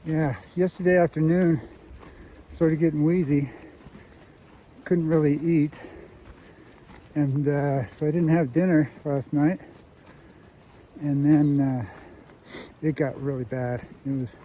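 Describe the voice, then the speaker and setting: Brief: unwell male hiker, slow, warm low tone, faint outdoor noise, filler-heavy outdoor vlog. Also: fairly even intonation, rough recording. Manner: halting, many "uh" fillers. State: ill and weak, emotional. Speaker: hiking vlogger. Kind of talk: casual trail vlog talk to camera. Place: outdoors on a mountain trail.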